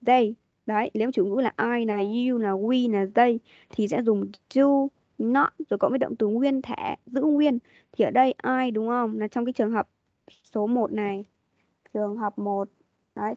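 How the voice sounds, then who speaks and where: A woman's voice: on the high side, mellow, dry recording. A woman teaching an online English class, patiently prompting and repeating her questions over a video call. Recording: dull lo-fi meeting audio.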